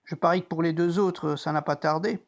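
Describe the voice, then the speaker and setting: An actor playing a troubled, conscience-stricken Roman centurion, reflecting deliberately in a dramatic biblical monologue as if talking to himself. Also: medium pitch, steady tone, highs cut off, lightly acted. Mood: solemn recounting. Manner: introspective, deliberate, theatrical.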